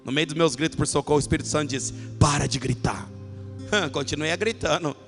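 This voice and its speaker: Male pastor, fairly high and sharp-toned, fervent sermon that swings from hushed to shouting. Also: fast, soft background music. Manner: impassioned preaching that builds to shouting.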